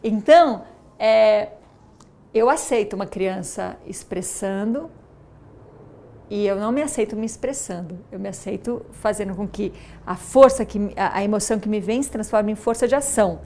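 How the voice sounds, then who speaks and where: A middle-aged mother with a Brazilian accent, telling a story and reflecting in a thoughtful, halting way with many fillers and restarts. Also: medium pitch, mellow. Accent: Brazilian Portuguese. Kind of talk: reflective interview talk.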